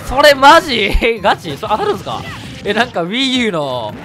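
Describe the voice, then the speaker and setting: A man with a Kansai Japanese accent commentating his own fighting game matches, excitable and quick to shout and laugh at big plays. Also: high voice. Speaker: gameplay commentator. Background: background music.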